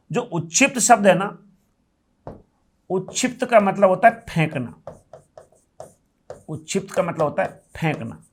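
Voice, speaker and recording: High-voiced man teaching grammar. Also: a bit bright. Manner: explains step by step, repeats key terms, asks and answers own questions. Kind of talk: classroom grammar lecture.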